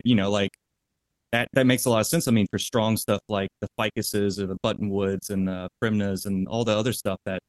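A man's voice: on the low side, no room sound. A man co-hosting a podcast, chatting loosely with lots of filler words. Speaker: podcast co-host. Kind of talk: casual podcast chat.

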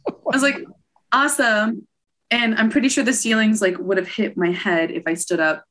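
A woman's voice: fairly high pitch, moderate pace. A woman guest on a podcast, telling road trip stories in casual chat, giggling and quoting herself. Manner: animated storyteller, giggly, quotes herself.

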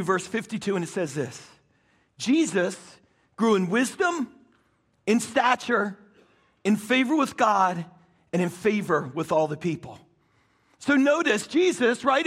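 A man with a very high, husky voice preaching a sermon from a church stage. He is soaking wet and cold, and he swings between loud emphatic bursts and hushed, low lines. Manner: emphatic preaching with rising bursts and soft drops. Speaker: pastor.

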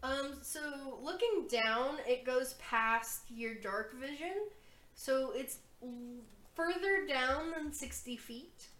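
A woman running a tabletop game online as game master, narrating in an unhurried, hesitant way with fillers. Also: high-pitched, a bit bright, reverberant. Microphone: online call.

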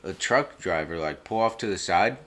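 Young adult American male with a deep voice, informal buddy banter, casual chat. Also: animated, moderate pace, fairly bright tone. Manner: informal, dude-and-bro banter.

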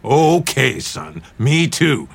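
A man's voice: medium pitch, big pitch swings, very slow, gravelly, husky, heavily acted. An actor playing an older father who teases his grown son fondly, in an audio drama. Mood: teasing.

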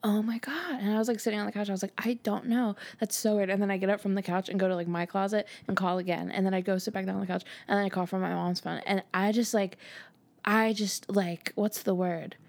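A woman's voice: mid-range voice, fairly even intonation, fast. Giggly young woman co-hosting a chat. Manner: giggly, chatty storyteller. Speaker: podcast co-host. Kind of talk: casual chat.

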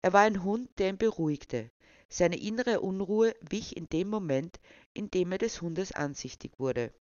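A storyteller reading a short story aloud in an even, measured way. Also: mid-range voice, dry recording. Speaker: narrator. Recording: dull, dry recording.

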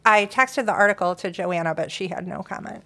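A woman co-hosting a casual podcast, easygoing and quick to laugh. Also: medium pitch, a bit bright. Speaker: podcast co-host. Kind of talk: casual chat.

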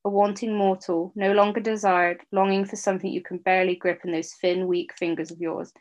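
A woman's voice: mid-range voice, little pitch movement, a little fast, a little mellow, lightly acted. A woman reading a storybook aloud voices a male kelpie, a shapeshifting water-horse spirit, in a purring, leering, seductive manner. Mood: mocking.

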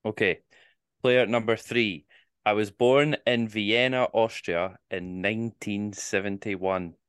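A man's voice: on the low side, steady tone, takes it slowly, a bit bright, clean tone, dry recording, clean studio sound. A man with a Scottish accent hosting a casual quiz podcast, teasing the players and reading the clues in the first person. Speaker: quizmaster.

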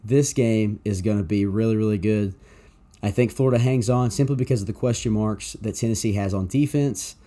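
A man's voice: fairly low pitch, a little fast, mellow. A man co-hosting a sports podcast, giving casual, wry, conversational game analysis.

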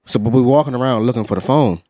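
A middle-aged man in casual, animated banter, telling stories with plenty of slang and swearing. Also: mid-range voice, fast talker, no room sound. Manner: slangy, profane, animated storytelling.

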